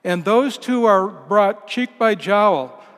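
Male preacher, fairly high voice, reflective sermon with searching repetitions, long church reverb. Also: animated, slow pace, fairly bright tone. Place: large church.

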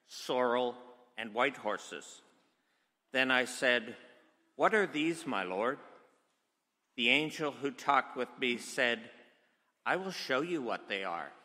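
A man's voice: mid-range voice, sharp tone. A man giving a solemn, declamatory scripture reading in a church. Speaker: scripture reader. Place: large church, indoors. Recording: church hall with long reverb.

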